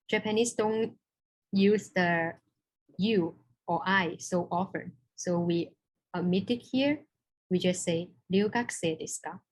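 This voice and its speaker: A woman teaching a beginner language lesson, patiently explaining step by step and repeating each example phrase. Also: medium pitch.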